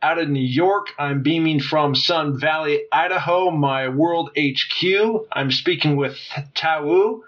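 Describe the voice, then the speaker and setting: Energetic male podcast host, lo-fi sound. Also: a little high, slow, hardly any pauses. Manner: energetic, with many restarts and fillers. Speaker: podcast host and former football player. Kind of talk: casual interview talk. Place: home base in Idaho.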